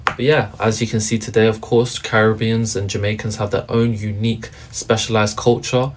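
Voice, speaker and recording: A man narrating a casual history explainer in a relaxed way, with frequent fillers. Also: lowish voice, moderate pace. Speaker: video narrator.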